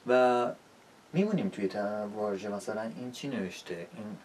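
A man with a lowish voice explains an English lesson in a relaxed, conversational teaching style. He checks in with his listeners using rhetorical questions. He sits a little back from the microphone, and there is a faint hiss underneath. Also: recorded from a distance.

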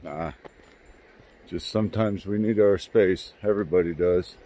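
A folksy older man narrates a casual vlog outdoors at a mountain campsite by a creek, holding his phone camera at arm's length. His deep voice is a little slow and mellow, and he's chatty, drifting into rambling asides. Running creek water can be faintly heard in the background.

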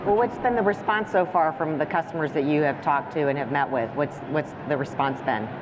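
A woman hosts an interview on a trade show floor. Her voice sits low as she asks brief questions. Background noise from the convention hall is clearly heard. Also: a little fast. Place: broadcast studio set on a convention floor.

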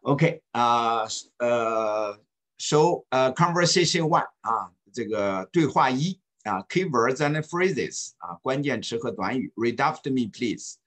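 A man teaching an online English class, speaking slowly and patiently and repeating phrases for students to follow. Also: mid-range voice, expressive, fairly bright tone. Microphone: video call.

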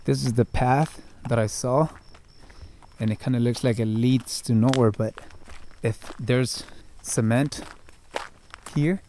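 Exploring an open hillside with brush, a young man in his twenties casually narrates a vlog, speaking to viewers through a handheld camera at arm's length as he thinks aloud. His medium-pitched, dark voice is steady and slow with long pauses, over slight background noise.

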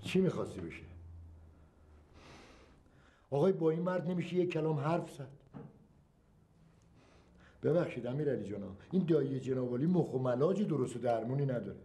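An actor playing a touchy, boastful middle-aged father who grumbles and takes offence quickly, in a comedy film. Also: mid-range voice, animated, mellow, natural voice. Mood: indignant. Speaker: father of the household.

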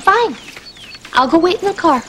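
A bossy, impatient young traveller. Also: female voice, extremely high pitch, lively intonation, normal speed, background noise. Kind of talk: live-action TV musical comedy acting. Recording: music playing behind.

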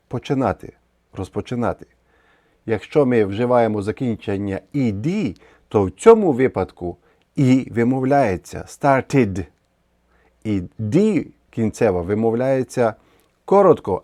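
A man's voice: mid-range voice, dark tone, dry recording, studio quality. A man teaching English grammar with a Ukrainian accent, explaining patiently step by step with many repeated examples.

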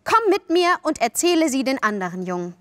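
A sly, boastful boy from a storybook, as a woman reader plays him. He coaxes and tempts in a raised, lively voice, offhand one moment and eager the next. The recording is dry and close. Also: sits high, fairly quick, no echo, voice pushed up. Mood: coaxing. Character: cocky, sly boy who never grows up.

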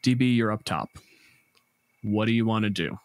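Plucked guitar music plays behind a game master as he narrates a tabletop role-playing game, describing things conversationally. His voice is fairly low at a normal speed, and the recording is dry.

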